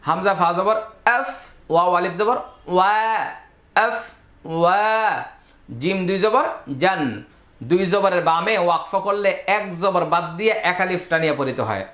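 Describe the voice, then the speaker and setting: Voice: medium pitch, moderate pace, fairly bright tone. Patient Quran tutor, letter-by-letter drilling, melodic recitation, roomy echo. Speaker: Quran reading teacher. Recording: echoey room.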